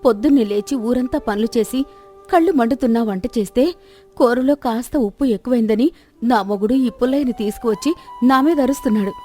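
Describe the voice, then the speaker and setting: Lady doing a feisty young wife telling everyone off, warm low-ish tone, storybook, music under. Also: fast talker, lightly acted. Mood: defiant. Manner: scolding and defiant. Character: sharp-tongued young village wife defending her cooking. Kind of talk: storybook voice acting.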